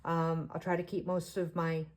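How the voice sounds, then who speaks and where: A woman with a Canadian accent giving a casual art tutorial voice-over, talking in short, halting phrases with fillers. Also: fairly low pitch, monotone, slight background noise. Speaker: artist teaching beginners.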